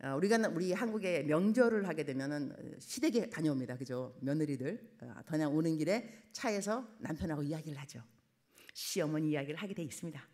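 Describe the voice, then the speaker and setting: A middle-aged woman missionary preaching a sermon in a church, acting out quoted family talk in lively voices. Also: sits low, fairly quick. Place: church sanctuary.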